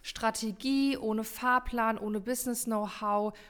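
A woman's voice: fairly high pitch, fairly even intonation, takes it slowly, fairly bright tone, clear, resonant tone. A woman co-hosting a podcast, explaining in long emphatic runs with many fillers in a casual chat. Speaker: podcast co-host.

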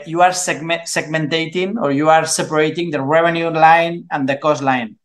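A man's voice: fairly high pitch, fairly bright tone. A native Spanish-speaking man with a Spanish accent explains his work off the cuff as a guest teacher, groping for English words as if translating in his head. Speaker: investment course teacher and guest.

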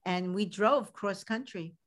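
A woman's voice: medium pitch, unhurried. A woman with a Brooklyn accent, chatting casually as a podcast host in a conversational interview.

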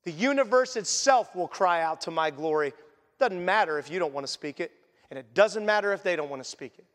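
High-voiced man preaching in a reverberant hall. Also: lively intonation, a little fast. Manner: earnest, conversational preaching with sudden quiet drops. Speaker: pastor. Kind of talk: sermon.

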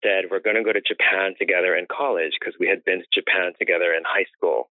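A man from the United States with a low, steady voice talks quickly on a dry, tinny phone-like line. In a conversational interview about his life and career as an interior designer, he's a chatty storyteller who goes on at length and laughs often.

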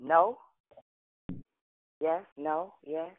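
A man's voice: fairly high pitch, fairly even intonation, extremely slow. A man leading a prayer call in fervent praise, his voice muffled as if heard through a wall over a phone line.

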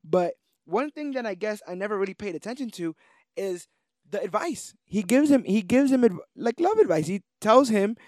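A man's voice: sits high, very animated, normal speed, darkish tone, no room sound. A man co-hosting a podcast in casual film chat, acting out movie lines and laughing often. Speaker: podcast co-host.

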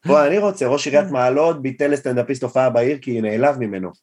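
A young man tells a story in a casual, self-deprecating way, with a voice of middle pitch. He keeps the telling lively and moves easily from setup to punchline. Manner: animated, self-deprecating storyteller who acts out quotes. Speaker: guest comedian. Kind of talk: casual storytelling in a podcast interview.

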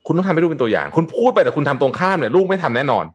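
A man hosting a casual news talk show, chatting with co-hosts in an animated, sarcastic way with many restarts. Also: fairly high pitch, racing, breathy edge. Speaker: host.

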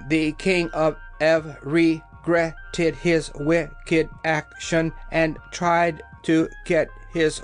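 A reader doing a creaky clockwork copper man. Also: medium pitch. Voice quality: hoarse, creaky, flat single tone.

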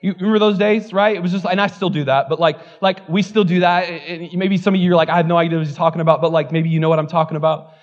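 A man with a high voice and steady tone preaches fast, with few pauses, in a sermon recorded with dull audio. As pastor he talks candidly and casually, joking about himself and saying "like" again and again.

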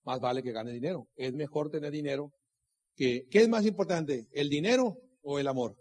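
Addressing a business meeting audience, a middle-aged man delivers a preachy motivational talk in a slightly mellow voice on the high side, at a moderate pace. Rhetorical questions, repeated key lines and personal stories fill his speech.

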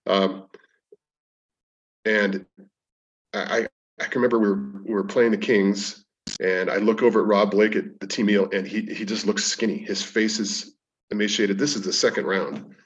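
A man's voice: fairly low pitch, fairly even intonation, normal speed. A man as a podcast guest, telling rambling stories about his coaching work, with frequent restarts. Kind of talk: casual storytelling interview. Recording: distant, dull lo-fi sound.

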